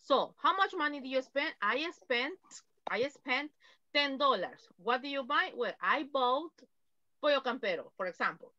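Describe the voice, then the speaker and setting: A woman's voice: high-pitched, animated, bright, forceful tone, no room sound, lo-fi sound. Woman, English teacher, patient explaining, dry close sound. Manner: patient, explains slowly, repeats examples. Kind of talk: online class instruction.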